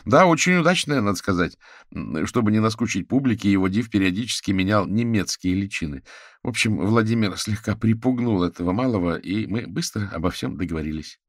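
A man's voice: fairly low pitch, animated, brisk, no room sound, clean studio sound, pitched above the performer's own voice. A man voicing a proud, talkative male sorcerer who sounds pleased with himself in an audiobook. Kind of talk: audiobook character voice.

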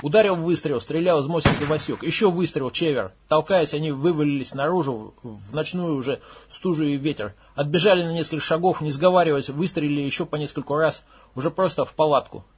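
A man reads an audiobook in a blunt, coarse style, swearing casually along the way. His voice is husky and sits a bit high. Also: a little fast. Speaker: audiobook narrator. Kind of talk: audiobook narration.

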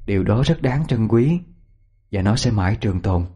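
A man voicing a gentle, soft-spoken young village woman. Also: fairly low pitch, animated, normal speed, slightly rough.

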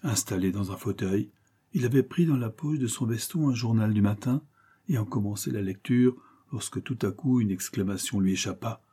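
Male narrator, husky and dark, measured storybook delivery. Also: fairly low pitch. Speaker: audiobook narrator. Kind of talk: scripted narration of a classic novel.

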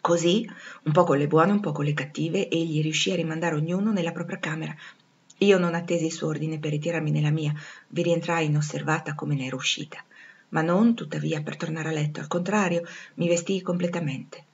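Low-voiced woman reading a novel. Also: dull audio. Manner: measured, expressive reading. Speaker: audiobook reader. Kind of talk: literary audiobook narration.

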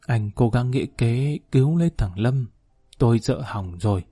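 Weak sly old guy, slow broken murmur, dark dry tone, man doing the voice. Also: medium pitch, expressive, slightly rough, dry recording, soft background music. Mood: secretive. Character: frail old man, former official, sly.

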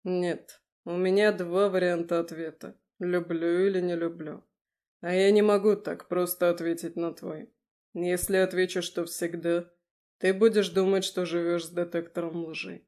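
A woman's voice: lowish voice, little pitch movement, measured pace, a little mellow. Woman voicing a crude teasing werewolf man. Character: brash teasing male werewolf lover. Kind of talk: audiobook character voice.

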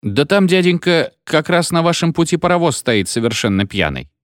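A man's voice: on the high side, very animated, moderate pace, no room sound, clean studio sound, voice pushed up. A man doing a cheeky little barefoot boy. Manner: artless, cheeky. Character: small barefoot sly boy cherry seller. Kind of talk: audiobook character voice.

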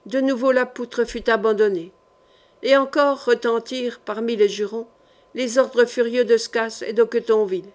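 Woman narrator, audiobook, slightly high voice, measured and dramatic. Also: darkish tone.

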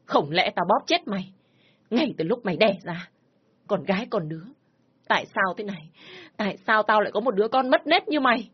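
A woman voicing a stern, domineering older father who shouts and scolds harshly, in a spoken story. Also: medium pitch, expressive, brisk, slightly rough, highs cut off, voice pushed up. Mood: furious shouting.

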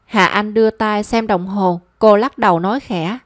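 Calm woman reading a story. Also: medium pitch, normal speed, no echo, clean studio sound. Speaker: narrator. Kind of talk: storybook narration.

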